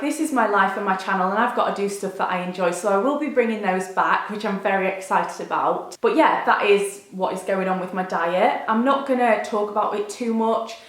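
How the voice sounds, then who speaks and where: Young woman, echoey room. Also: mid-range voice. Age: 20s. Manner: confiding, informal, frequent 'like'. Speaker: video blogger. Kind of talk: candid chatty update to viewers. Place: bedroom, indoors. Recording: roomy indoor echo.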